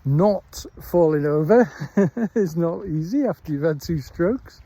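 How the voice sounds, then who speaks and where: Fairly high-pitched, animated and mellow, this middle-aged man with a Welsh accent vlogs outdoors on a countryside dog walk, phone in hand. There's no echo, and his talk rambles along unhurriedly with frequent pauses.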